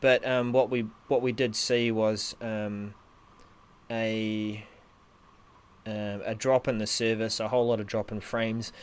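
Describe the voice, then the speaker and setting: A New Zealand man co-hosts a live, unscripted tech show, chatting casually, hesitantly and thinking out loud. His voice is lowish, smooth and slow, with little pitch movement. Heavy rain drums on the roof behind him, making the recording noisy.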